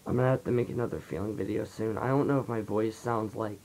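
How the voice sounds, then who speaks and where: A late-teens vlogger with a low, flat, raspy voice that sounds dry in the throat talks softly and quickly in a casual, confessional monologue, rambling and using lots of fillers as he opens up to the camera. The recording is low quality, with a faint rumble underneath.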